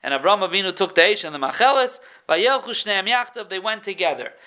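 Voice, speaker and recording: An animated man giving a Torah class, with a higher-pitched, bright and forceful voice. He teaches with lively energy and acts out each quote he tells. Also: a little fast.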